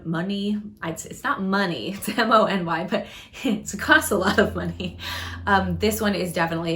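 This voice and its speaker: A woman with a slightly low voice gives a casual product review to her vlog audience. She talks in a chatty, thoughtful way and often softens her points with little hedging fillers. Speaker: fashion YouTuber.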